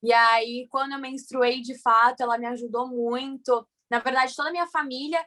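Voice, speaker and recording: A young woman with a Brazilian Portuguese accent cheerfully recounts a memory in casual chat, her retelling lively and upbeat. Her voice sits high and moves at normal speed.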